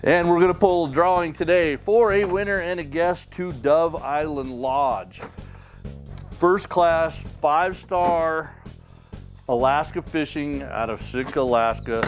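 A man's voice: on the high side, measured pace, over music. Folksy middle-aged man announcing prize winners. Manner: folksy, upbeat, names winners and towns. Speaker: host of a membership sweepstakes drawing. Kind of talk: casual announcing to camera. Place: wood-paneled trophy room indoors.

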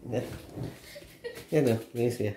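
A man's voice: mid-range voice, normal speed, echoey room, far from the mic, very noisy. A man filming his family, teasing his wife in casual, playful banter and pressing her with questions. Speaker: father filming a family vlog.

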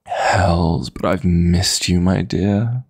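In an intimate romantic sleep-aid audio roleplay, a man fully voices a seductive, possessive yet tender dream demon lover, murmuring flirtatious endearments extremely slowly. His low voice is gravelly, husky, and breathy, and the mood is wistful and longing. He's close to a dry, studio-style mic with no room sound.

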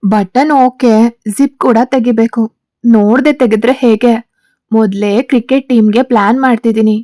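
An arrogant, teasing gang boss husband in a spoken romance story, read by a woman. The voice sits fairly high with a mellow, dark tone. The sound is dry and close. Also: normal speed, dry recording, lightly acted.

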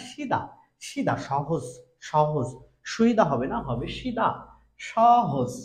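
A man's voice: very high-pitched, roomy sound. A young man teaching a language lesson. He repeats each point twice and asks questions, then answers them himself. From Bangladesh.

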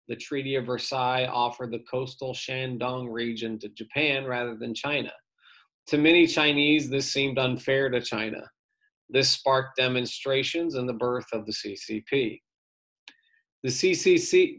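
Reading an article to his class in an online session, a male teacher speaks at medium pitch with a creaky quality. He stays steady and plain, now and then slipping in a quick informal comment.

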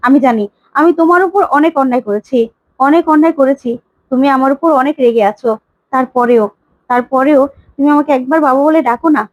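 A woman's voice: high voice, brisk, no echo, highs cut off, natural voice. A woman voicing an emotional older man who keeps pleading to be called father. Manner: pleading, repeats his plea.

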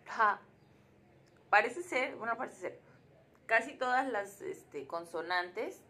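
A young woman works through her study session out loud, at an unhurried pace. She sounds out syllables one by one and muses to herself between them. Her voice sits a little on the high side. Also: expressive. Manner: sounds out syllables slowly, musing aloud. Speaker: language learner streaming her study session. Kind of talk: casual live study session.

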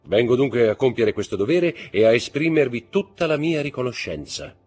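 A man's voice: medium pitch, very animated, normal speed, darkish tone, husky, voice pushed up. A man reading aloud who plays an arrogant magistrate with a strident, formal manner. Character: arrogant stern magistrate, middle-aged man.

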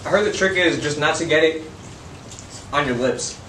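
A man's voice: a little high, moderate pace, pushed and bright. A young man hosting a food challenge, chatting casually with the group. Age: young adult. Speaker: challenge host. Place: outdoor patio table, group before camera. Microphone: far camera. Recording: roomy, distant mic, noisy background.

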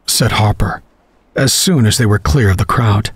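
A man narrates a horror story in a measured, dramatic reading. His voice sits low and sounds husky. It is recorded dry on a close mic, with no room sound. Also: no room sound.

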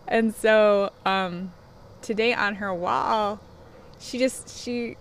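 A woman's voice: mid-range voice, steady tone, slow pace. A middle-aged woman talking casually and personally to camera like a self-help influencer, in a candid confessional chat. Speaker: self-help vlogger who gives coaching sessions. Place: outdoors on a wooden deck. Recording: clear outdoor background noise.

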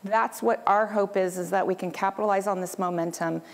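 A woman's voice: mid-range voice, steady tone, a little fast. A woman speaking as a union leader in a panel discussion at a conference, passionate and rallying, often tagging on rhetorical questions. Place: conference event room.

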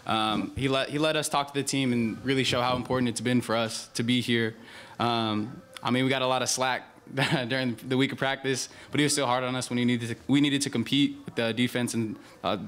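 A man's voice: mid-range voice, flat delivery, brisk, fairly bright tone. A young man, a senior college football player, answering post-game press conference questions in an easygoing, chuckling way. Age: young adult. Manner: easygoing, laughs often, loose fillers. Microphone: table mic.

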